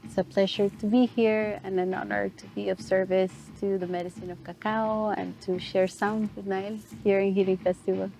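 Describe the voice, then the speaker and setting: A young woman from Costa Rica, answering interview questions in a slow, reflective, gentle way. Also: mid-range voice, little pitch movement, vocal fry, faint music behind. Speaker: guest, ceremonialist and sound therapist.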